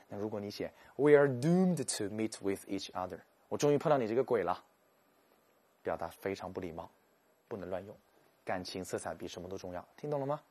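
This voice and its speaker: A man giving a lively, joking English vocabulary lecture, slowing down to sound out English words. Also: fairly low pitch. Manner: animated, jokey, stretches English words slowly to show pronunciation.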